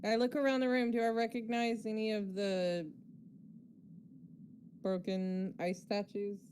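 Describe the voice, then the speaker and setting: A woman's voice: mid-range voice, level tone, unhurried, darkish tone. A woman playing a tabletop game, chatting casually and speaking for her character. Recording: faint background noise.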